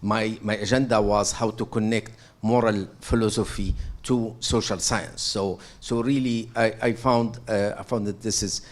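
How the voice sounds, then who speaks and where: A middle-aged Syrian audience member asks a halting, earnest question from the floor, full of fillers and restarts. His voice is on the low side with fairly even intonation, at a moderate pace with few pauses.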